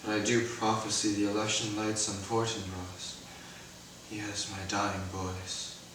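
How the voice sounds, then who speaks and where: Anguished prince bleeding out, coughing n gasping, slow broken lines, super echoey and far off. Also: male voice, lowish voice, steady tone. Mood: fading, gasping. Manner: bleeding out, failing breath, halting broken phrases. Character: dying poisoned Danish prince, anguished and urgent. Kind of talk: classical Shakespeare stage acting. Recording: echoey room, far from mic, noisy.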